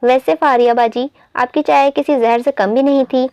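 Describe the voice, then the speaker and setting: A woman voicing a sharp-tongued young woman about to be married, teasing and whiny. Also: sits high, steady tone, normal speed, smooth, no echo. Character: cheeky young bride-to-be, teasing and dramatic.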